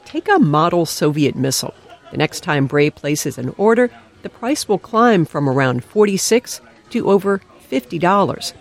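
A woman's voice: on the low side, sing-song, moderate pace. A woman narrating a scripted news feature as a radio reporter.

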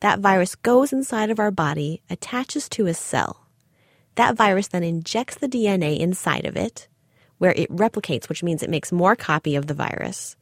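A woman's voice: lowish voice, expressive, moderate pace, dry recording, studio quality. A woman hosting a children's science show, speaking in a presenting style. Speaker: host.

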